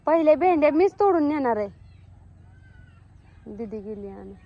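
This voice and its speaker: A woman's voice: sits high, sing-song, moderate pace, dry recording, muffled recording. A young woman with a rural Marathi accent, chatting as she films her farm vlog outdoors on a handheld phone, calling out to animals and family. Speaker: vlogger.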